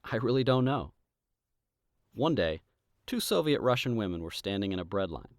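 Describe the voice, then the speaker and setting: Male political commentator, scripted essay read: emphatic, rhetorical, lively intonation, dry sound. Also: fairly low pitch, moderate pace, dry recording. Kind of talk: scripted argumentative video essay.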